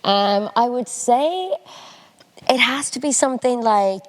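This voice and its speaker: A woman's voice: fairly high pitch, animated, takes it slowly. Young female podcaster, west of Ireland accent, chatty and self-deprecating, recorded in a reverberant room. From Galway, west of Ireland. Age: early 20s. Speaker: student podcast co-host. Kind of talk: casual chat.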